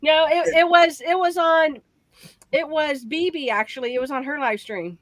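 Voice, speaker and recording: A woman's voice: sits high, normal speed, a bit bright, no room sound. A woman hosting a casual live group chat, giggling often and calling on each guest in turn. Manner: giggly, leads the chat and calls on others. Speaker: live stream host.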